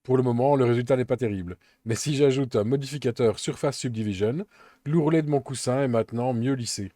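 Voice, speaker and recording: A man walks through a software tutorial step by step, calm and methodical. His voice is dark and mellow, and the recording is dry and close with no room sound. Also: mid-range voice, brisk, no room sound. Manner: calm, methodical step-by-step explaining with occasional fillers. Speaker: Blender tutorial instructor.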